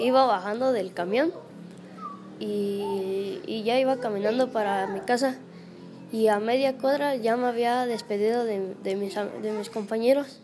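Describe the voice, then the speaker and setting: A young woman telling a reporter what happened to her, frightened and halting, with many restarts. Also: on the high side, mellow. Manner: hesitant, halting, with restarts and fillers. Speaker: interviewee. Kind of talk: recounting an ordeal to a reporter.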